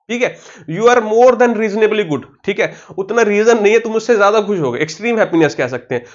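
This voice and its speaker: A man with an Indian accent teaches vocabulary for exam prep. His voice sits high, and he keeps asking himself questions and then answering them. The recording sounds dull and lo-fi. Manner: spells words slowly letter by letter. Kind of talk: online exam-prep lesson.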